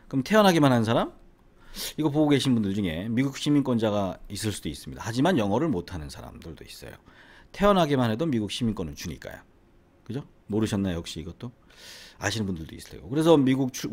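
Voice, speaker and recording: Lively middle-aged man with faint Gyeongsang accent. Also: fairly low pitch. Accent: faint Gyeongsang Korean. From Gyeongsang region, South Korea. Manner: rhetorical, keeps asking the viewer questions. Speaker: English academy owner and teacher. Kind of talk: casual educational monologue to camera.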